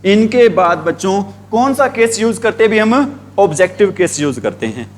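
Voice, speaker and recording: A man's voice: sits high, expressive, a little hiss or hum. A man teaching English grammar, asking the same questions again and again and drawing out the words he spells. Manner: repetitive call-and-response questioning, drawn-out spelled words. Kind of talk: classroom grammar lesson in Hindi.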